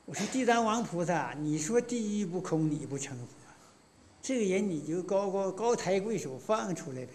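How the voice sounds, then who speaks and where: A man's voice: high-pitched, animated, normal speed, darkish tone, slight background noise. A man in his sixties with a Northeastern Chinese accent, giving a lecture as a folksy, colloquial storyteller. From Northeast China. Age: 60s. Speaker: folk lecturer.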